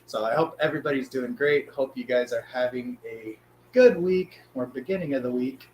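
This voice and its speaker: Hoarse, raspy man in an echoey room. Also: mid-range voice, normal speed, darkish tone, a little hiss or hum. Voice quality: hoarse smoker's rasp. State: sick, hoarse voice. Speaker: live stream host. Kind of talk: casual live stream chat.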